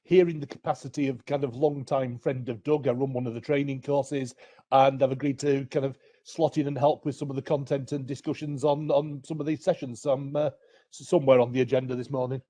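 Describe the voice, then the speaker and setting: A man's voice: medium pitch, little pitch movement, a little fast, dark tone. A man, an analytics director and trainer, giving an informal introduction in a meeting.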